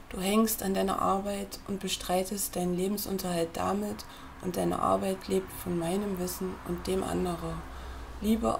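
A woman reads a book aloud in a gravelly, fry-edged voice. Her delivery is measured and earnest, and she seems to speak straight to the listener. She is reading from a screen at her computer. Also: mid-range voice, noisy background. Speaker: reader.

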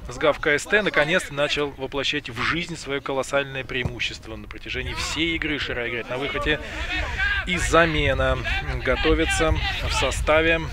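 A man's voice: medium pitch, moderate pace. A man giving live football commentary in a conversational, improvised, explanatory way. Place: outdoors at a football ground. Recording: outdoor crowd noise behind commentary.

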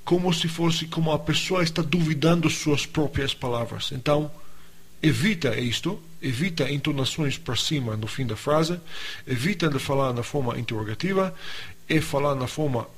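A man's voice: fairly high pitch, moderate pace, husky. A man explaining a teaching point, often restarting his phrases as he goes. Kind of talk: instructional talk.

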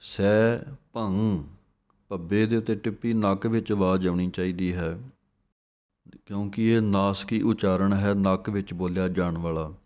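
Low and darkish, his tone steady and his pace moderate, a man with a Punjabi accent leads a careful recitation lesson. He sounds each scripture word out syllable by syllable, then explains what it means.

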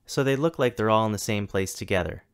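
A man in his thirties, a tech coordinator, reads a scripted keynote for a virtual conference from a home or office setting. His voice is slightly low and clean, and he speaks steadily and deliberately, pausing after each item in a list.

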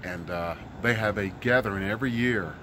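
Middle-aged man from Mississippi, street musician, earnest and rambling; outdoor city park recording with clear street noise. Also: fairly low pitch, normal speed. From Mississippi, US South. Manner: earnest, rambling, many fillers. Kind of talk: casual street interview.

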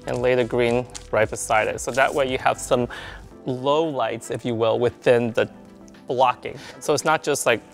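A man's mid-range, creaky voice leads a salon hair-color tutorial, with fairly even intonation and a moderate pace over faint background music. He's chatty and instructive, checking in with "right?" and "you guys."

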